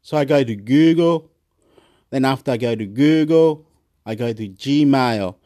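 A man's voice: medium pitch, unhurried, dark tone. A man from Chile, vlogging in a rambling, repetitive rant full of swearing. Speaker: YouTube vlogger.

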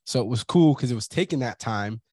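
A man's voice: mid-range voice, animated, brisk, mellow, dry recording. A young man hosting a podcast, telling stories in casual chat and swearing often. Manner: profane, storytelling, swears often. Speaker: podcast host.

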